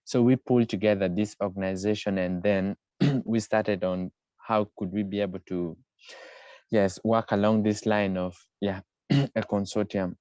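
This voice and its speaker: A man from Uganda, speaking in a measured way with many pauses on a video call. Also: lowish voice, fairly even intonation, dark tone, no room sound. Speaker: permaculture project leader. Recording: dull, muffled video call audio.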